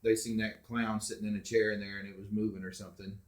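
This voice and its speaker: A middle-aged man, a father telling family ghost stories in a casual, animated way, acting out quotes loudly. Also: fairly low pitch, fast talker, echoey room. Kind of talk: casual storytelling.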